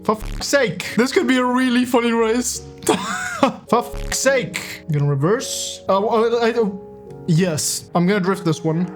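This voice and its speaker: A man's voice: high-pitched, a little slow, soft background music. Young man swearing through gameplay commentary. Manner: joking, swears often, laughs a lot. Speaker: streamer.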